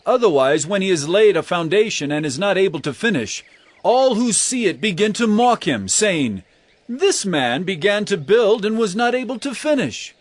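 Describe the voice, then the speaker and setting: An actor playing Jesus as an earnest teacher of parables in an audio drama, speaking in measured, emphatic oratory. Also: male voice, high voice, very animated, dry recording. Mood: solemn, challenging. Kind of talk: audio drama Bible acting.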